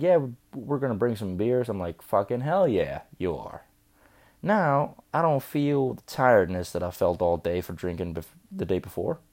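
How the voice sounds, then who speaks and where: Slurring his words while drunk, a young man tells a meandering story full of swearing, chatty and loose as he vlogs. His pitch is on the low side and his tone darkish.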